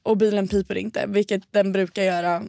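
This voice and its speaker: A young woman co-hosting a casual podcast chat, telling stories in an animated way and acting out quotes. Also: medium pitch, creaky, no room sound, clean studio sound. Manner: animated storyteller, acts out quotes. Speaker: podcast co-host.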